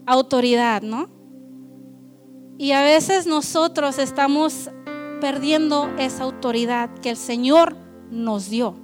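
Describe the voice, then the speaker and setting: A woman's voice: high-pitched, takes it slowly, faint music behind. A woman preaching a conversational sermon, mixing in English phrases. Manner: switches between Spanish and English, conversational and lively.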